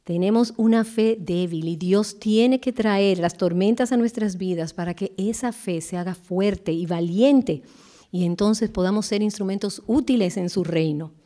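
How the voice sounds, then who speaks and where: A woman giving an earnest devotional Bible teaching, slowing down with emphatic pauses. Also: medium pitch, dark tone.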